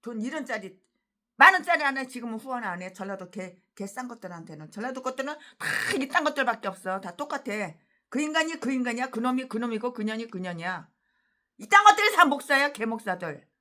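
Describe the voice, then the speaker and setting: A woman pastor preaching a fiery sermon, ranting and cursing with emphatic repetition, then reading scripture slowly. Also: a little high, big pitch swings, pushed and bright. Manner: slow drawn-out scripture reading.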